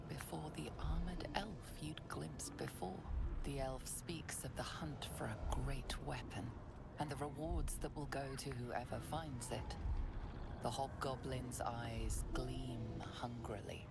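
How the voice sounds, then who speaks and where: Female game narrator: grave and ominous, gravelly low register, breathy edge, prominent music behind. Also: a little slow, heavily acted. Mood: ominous, hushed. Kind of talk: dramatic second-person game narration.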